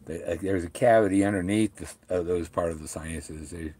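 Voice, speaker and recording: A middle-aged man chatting casually and haltingly, rambling along, with a slight whistle and the loose speech of missing top front teeth. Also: sits low, warm tone, breathy edge. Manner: halting, rambling, often trailing off. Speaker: vlogger talking to viewers.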